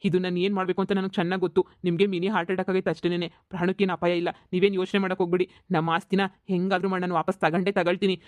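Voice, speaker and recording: A man voicing a calm, reassuring cartoon son. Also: high-pitched, no room sound, close to an everyday voice. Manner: firm, reassuring, brisk. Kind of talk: cartoon voice acting.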